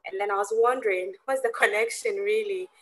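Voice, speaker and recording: Woman host of an online conference, mid-pitched voice, chatty questioner with fillers, video call. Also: a little fast, fairly bright tone, poor audio. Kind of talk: hosting a virtual conference interview.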